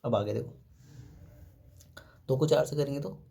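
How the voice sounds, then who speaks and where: A man's voice: mid-range voice, measured pace, gravelly, mellow. A man teaching a math lesson step by step, asking questions and answering them himself. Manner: explains step by step, asks and answers his own questions; often says "ठीक है" and "देखो".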